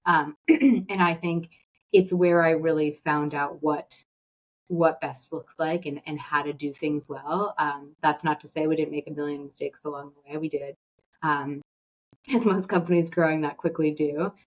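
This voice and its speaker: A woman with a very low voice talks enthusiastically in a podcast interview, starting many phrases with "um". The audio is dull and lo-fi. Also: steady tone, a little slow. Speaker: executive search guest.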